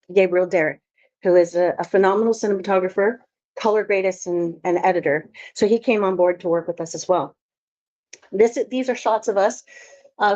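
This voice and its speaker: In dull lo-fi audio, a filmmaker from Alaska presents at a conference, recounting her story in a chatty, anecdotal style. Her voice is mid-range and a little mellow.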